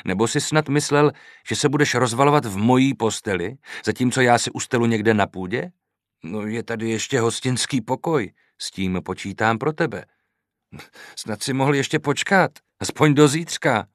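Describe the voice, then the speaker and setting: A man's voice: medium pitch, no echo, close to an everyday voice. A man reading the lines of a commanding young nobleman in an audiobook, dry and ironic.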